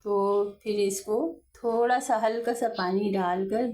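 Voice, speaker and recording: Pakistani-accented woman doing a cooking demo at home, warm mellow voice, chatty, keeps correcting herself. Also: medium pitch, steady tone, slow pace, slight background noise. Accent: Urdu-speaking Pakistani. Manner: homely and conversational, often restarts and corrects herself. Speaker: home cooking channel host. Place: home kitchen.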